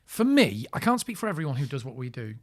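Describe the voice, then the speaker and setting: A man co-hosting a podcast, telling stories in a frank, animated way from a small booth. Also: medium pitch, fast. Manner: animated storyteller, frank and expressive. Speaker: podcast co-host. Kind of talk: casual chat.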